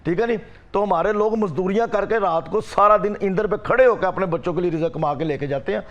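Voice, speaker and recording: Insistent high-voiced man. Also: fast, muffled recording. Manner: forceful, insistent, keeps demanding to be heard. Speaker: rickshaw union representative guest. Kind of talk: heated studio debate.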